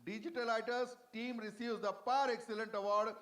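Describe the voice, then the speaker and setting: Indian man, very high voice, award announcer who trips over names. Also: flat delivery, fairly quick, fairly bright tone. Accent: Indian English. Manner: plain reading of names, stumbles on hard ones. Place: convention hall stage.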